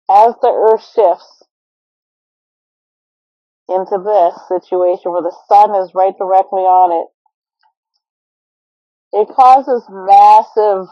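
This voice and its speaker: A woman's voice: medium pitch, no room sound, highs cut off. A woman from Thailand hosting an astrology podcast, talking casually and rambling with repeated words and fillers.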